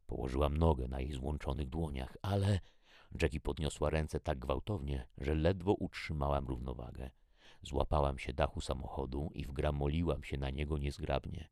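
A man reading a first-person story as an audiobook in a measured, even way. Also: extremely low pitch, no room sound, studio quality. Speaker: audiobook reader.

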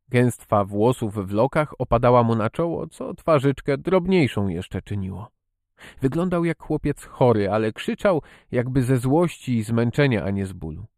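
A man narrating a classic children's novel in a slow, measured storytelling manner. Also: medium pitch, a little mellow, dry recording, studio quality. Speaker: audiobook narrator. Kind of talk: scripted narration.

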